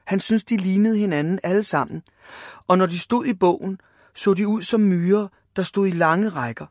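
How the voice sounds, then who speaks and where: Guy reading a kids story, kinda high voice, dry close sound. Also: no room sound. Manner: lively storytelling, voicing the characters.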